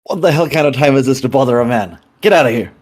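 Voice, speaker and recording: A man acts out a grumpy fellow bothered late at night in a tabletop game. The delivery is blunt and exasperated, with the pitch pushed up. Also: animated, moderate pace, a little mellow, lightly acted. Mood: irritated.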